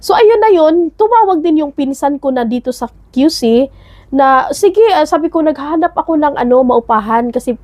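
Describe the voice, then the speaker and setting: A woman guest telling her personal story in an interview, halting and searching for words with many fillers and restarts. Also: high voice, expressive, a little mellow. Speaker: interview guest, single mother. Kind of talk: emotional personal testimony.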